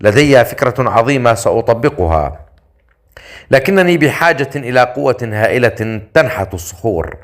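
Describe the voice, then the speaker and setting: A man's voice: medium pitch, expressive, normal speed, close to an everyday voice. A man voicing a cunning, grumbling male inventor in an audiobook story, in a sly manner. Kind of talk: audiobook character voice.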